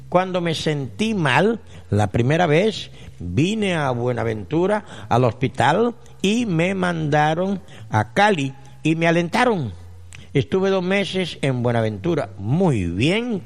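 Solemn man giving mystic advice on radio. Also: a little high. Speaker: radio spiritual advisor answering letters. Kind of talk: radio call-in letter reading and advice.

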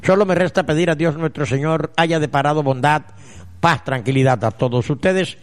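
A man reads listener letters on a radio show and answers them in a solemn, earnest tone. His voice sits a little high for a man. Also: moderate pace. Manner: solemn, earnest advice with mystic tone. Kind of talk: radio call-in letter reading and advice.

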